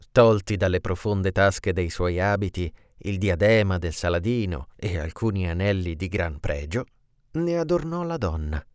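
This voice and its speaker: A man reading a classic tale aloud with an expressive storytelling delivery. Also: on the low side, smooth, no echo, clean studio sound.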